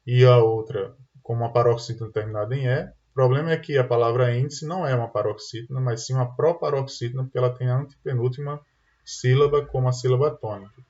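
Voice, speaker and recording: A man's voice: medium pitch, darkish tone. A man with a Brazilian Portuguese accent teaching an online exam-prep lesson, explaining step by step and often checking in with "tá?" and "né?". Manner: explanatory, tag questions "tá?" and "né?". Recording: dull lo-fi sound.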